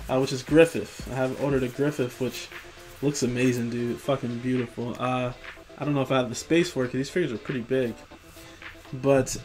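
The recording is low quality, capturing a medium-pitched young man rambling at home about collectible figures. Tired after work and profane, he trips over names as he gives casual commentary over images on screen.

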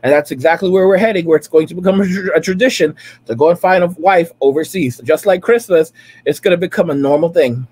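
A man near forty with a high-pitched voice delivers emphatic, repetitive commentary over video clips. He hammers his points home again and again in a preachy tone, streaming from a room at home. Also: fast, darkish tone, slightly rough. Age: late 30s. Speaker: reaction streamer.

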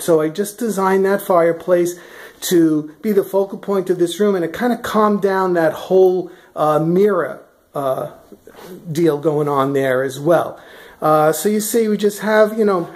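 Behind a handheld camera and out of frame, a vlogger strolls through her big furnished home, talking casually from room to room. Her voice is on the low side and a bit mellow, and she keeps stumbling into fillers and fresh starts.

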